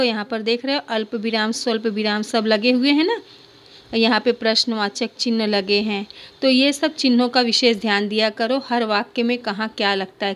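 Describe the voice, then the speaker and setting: Teacher reading a class play aloud. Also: female voice, fairly high pitch. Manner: explains idioms and punctuation between read lines; lifts her voice for the characters' lines. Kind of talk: reading a Hindi play aloud and explaining it to pupils.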